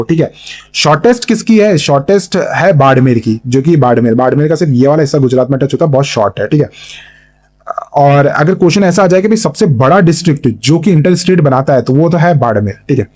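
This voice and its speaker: A young male tutor gives an online exam-prep geography lesson in a mellow, somewhat raised voice. His voice is getting hoarse after a long session, and he keeps checking in with "okay?" between points, full of fillers and mixing two languages. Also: fairly high pitch. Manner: Hinglish, frequent fillers, checks in with "thik hai". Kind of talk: online lecture with map.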